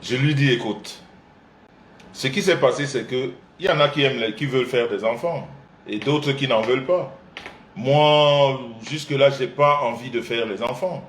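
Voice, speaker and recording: A man host of a live couples show, telling a family story with animated voices and frequent laughter. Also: medium pitch, moderate pace, roomy sound, a little hiss or hum. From Central Africa. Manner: acts out his mother's and father's voices, laughing often. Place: indoor room, livestream.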